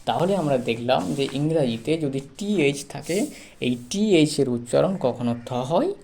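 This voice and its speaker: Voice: medium pitch, expressive, normal speed, dark tone, a little hiss or hum. A teacher giving a pronunciation lesson to students, spelling words letter by letter, repeating each sound and asking and answering their own questions.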